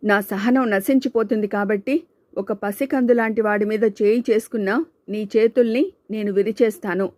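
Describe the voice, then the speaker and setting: A woman's voice: medium pitch, fairly even intonation, normal speed, a little mellow, no room sound, natural voice. A woman voicing a firm, protective young male student friend who speaks sternly, in an audiobook. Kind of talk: audiobook character voice.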